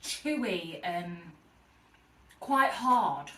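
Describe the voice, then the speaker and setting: A woman in her thirties, an inquisitive and gently teasing mum tasting snacks with her family. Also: fairly low pitch, sing-song, extremely slow. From United Kingdom. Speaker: vlogger mum. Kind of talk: casual family taste test. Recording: roomy, distant mic, noisy.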